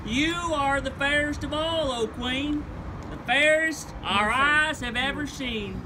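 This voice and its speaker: A grand, flattering storybook mirror voiced by a man declaims its verse. The delivery is slow and deliberate, recorded on a noisy outdoor patio with traffic. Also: extremely high pitch. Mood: solemn. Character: grand, flattering magic mirror in a fairy tale.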